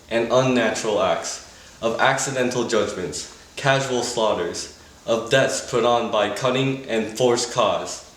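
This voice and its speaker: A man's voice: mid-range voice, a bit bright, close to an everyday voice. Guy playing solemn grieving loyal friend, shakespeare stage, mid voice, huge echo. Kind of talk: classical Shakespeare stage acting. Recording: very echoey room.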